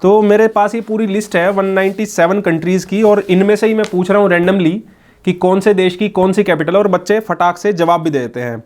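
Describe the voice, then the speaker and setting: A man's voice: high voice, fairly quick, a little mellow. A male local news reporter marvelling aloud as he quizzes children and talks to their mother. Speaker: news reporter interviewing a family.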